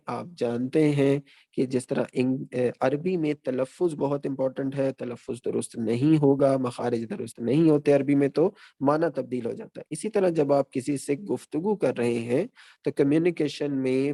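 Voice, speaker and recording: A man giving an online teaching session as a guest lecturer, speaking in a measured, explanatory way and recapping his points one by one. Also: mid-range voice, vocal fry, mellow.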